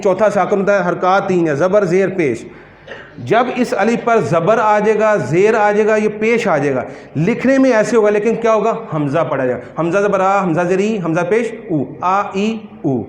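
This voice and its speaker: High-voiced male Quran teacher, echoey room. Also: expressive. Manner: asks the class questions, repeats words slowly to correct pronunciation. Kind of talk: classroom lesson on Quran pronunciation. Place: classroom.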